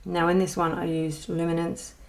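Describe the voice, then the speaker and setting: A colouring channel host with a lowish voice speaks at normal speed with flat delivery. In a casual show-and-tell vlog she rambles and hesitates, filling in with ums and self-deprecating asides.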